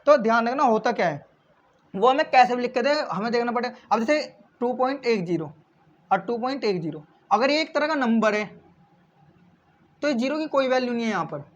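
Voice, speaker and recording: A man's voice: extremely high pitch, animated, a little fast. Man teaching maths, dull lo-fi sound. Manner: explains step by step, asks questions and answers them himself, repeats key points; addresses viewers as friends. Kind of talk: classroom-style maths explanation. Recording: slightly dull lo-fi recording.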